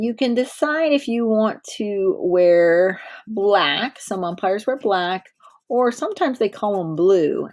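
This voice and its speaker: A woman's voice: mid-range voice, a little mellow. A woman teacher in her thirties leading a drawing lesson for small children, patient and encouraging. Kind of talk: directed drawing lesson for young kids.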